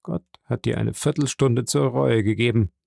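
A man voicing a stern, solemn nobleman who speaks slowly and gravely. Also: mid-range voice, a little mellow, no room sound, studio quality. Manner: slow, grave, measured.

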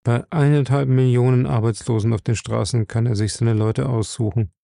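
Guy doing a calm chubby office manager, measured, confiding, kind of gravelly. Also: mid-range voice, no room sound, studio quality, natural voice. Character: calm, stout middle-aged office manager.

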